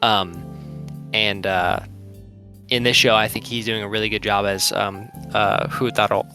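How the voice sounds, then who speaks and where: A man's voice: fairly low pitch, little pitch movement, measured pace, sharp tone, faint music behind. A young man co-hosting an anime review podcast, rambling in casual chat with lots of filler words. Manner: rambling, heavy use of "like" fillers. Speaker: podcast co-host.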